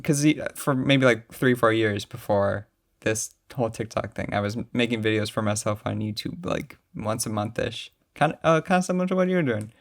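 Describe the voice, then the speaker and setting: A man's voice: on the low side, a little fast. A young man hosting a casual podcast, talking in an upbeat, playful and encouraging way. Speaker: podcast host.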